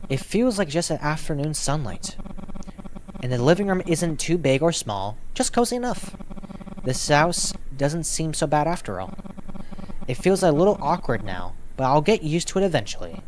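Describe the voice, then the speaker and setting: A man's voice: a little high, lively intonation, moderate pace, a little hiss or hum, poor audio. A man commenting on a game as he plays, reading text aloud and musing to himself in a thoughtful way. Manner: thoughtful, reflective, talks to himself while playing. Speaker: gaming YouTuber.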